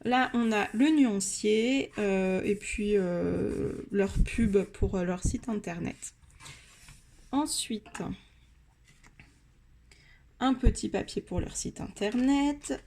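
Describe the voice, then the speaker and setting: A French woman giving a casual review of colored pencils, pausing often with fillers and restarting her sentences. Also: medium pitch, a little mellow. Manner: hesitant, many fillers and restarts. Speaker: art supply reviewer.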